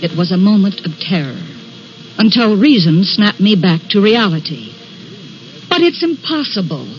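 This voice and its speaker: A woman's voice: medium pitch, sing-song, moderate pace, slight background noise, close to an everyday voice. An actress playing a skeptical, frightened woman traveler in a 1940s radio play, asking clipped questions and narrating in the first person. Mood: tense. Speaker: visitor to the signal shack. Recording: dull old radio recording.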